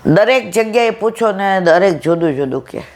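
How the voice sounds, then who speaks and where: A woman leads a devotional gathering. She tells a story through quoted back-and-forth with an affectionate, homely manner, her voice sitting at an ordinary middle pitch. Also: lively intonation, moderate pace. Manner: affectionate, storytelling, addresses listeners as "my dear". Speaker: satsang speaker. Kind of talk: devotional talk retelling a conversation.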